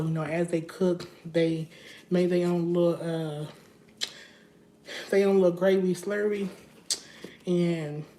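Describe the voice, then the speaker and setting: A woman's voice: fairly low pitch, dark tone, slight background noise. A young woman chatting casually to her viewers while she cooks at home on a livestream, talking in a loose, rambling way. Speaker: vlogger cooking on a livestream. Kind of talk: casual live cooking chat. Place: home kitchen.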